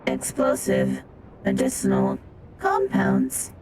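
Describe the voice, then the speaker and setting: An actress voicing a stiff robotic sentry machine through a robot voice filter, speaking in clipped, flat announcements. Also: female voice, a bass voice, takes it slowly, far from the mic, noisy background, full character voice. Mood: announcing.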